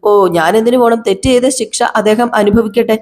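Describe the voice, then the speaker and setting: A woman's voice: a little high, fairly even intonation, fast talker, a little mellow, close to an everyday voice. A woman voicing a bitter young man in a TV serial retelling who accuses his brother-in-law.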